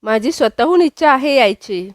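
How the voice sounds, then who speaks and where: A woman voicing an apologetic young man speaking softly to his mother. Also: sits high, animated, normal speed, dry recording.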